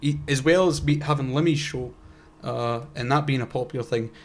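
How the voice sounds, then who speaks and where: A young Scottish man with a mid-range voice co-hosts a podcast at a brisk pace. Chatting casually, he rambles, breaks off mid-sentence and makes wry asides.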